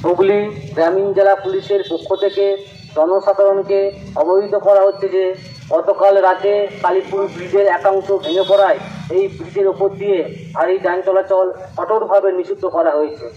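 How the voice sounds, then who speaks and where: A man reading a formal police safety announcement through a loudspeaker, in a measured, repetitive delivery. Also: sits high, level tone. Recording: muffled loudspeaker recording, faint noise.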